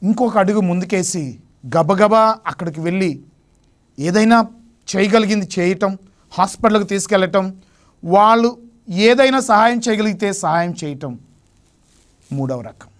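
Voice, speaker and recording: High-voiced man preaching emphatically. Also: moderate pace, pauses often. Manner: emphatic preaching, rising sharply on key phrases. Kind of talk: Lenten sermon. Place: television studio.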